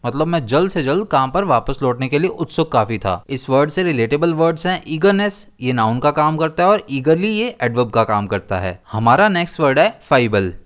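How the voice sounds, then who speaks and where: A man teaching an exam-prep vocabulary lesson, listing words steadily and slowing down to read definitions. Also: fairly high pitch, very animated.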